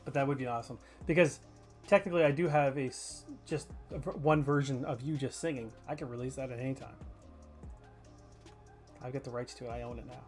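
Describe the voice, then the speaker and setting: A man's voice: mid-range voice, steady tone, a little fast, soft background music. A man chatting casually with his chat while streaming a game, joking and swearing freely. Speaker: gaming streamer. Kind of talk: casual live gameplay chatter.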